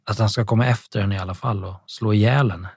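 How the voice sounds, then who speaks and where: A man voicing a worried, apologetic teenage girl in an audiobook, in his own low voice. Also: fairly even intonation, darkish tone, husky, dry recording, studio quality. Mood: anxious.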